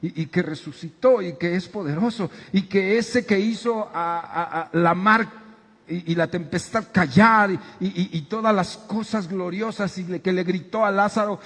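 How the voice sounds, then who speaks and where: A middle-aged man preaching a sermon as pastor, animated and at times shouting dramatic quotes. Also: high-pitched, unhurried, big-room sound. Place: church auditorium.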